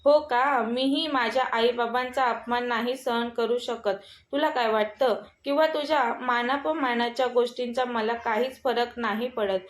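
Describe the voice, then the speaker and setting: A woman's voice: on the high side, fairly even intonation, unhurried, natural voice. A woman voicing an arrogant, hot-tempered young husband who gives angry commands, recorded in an echoey room.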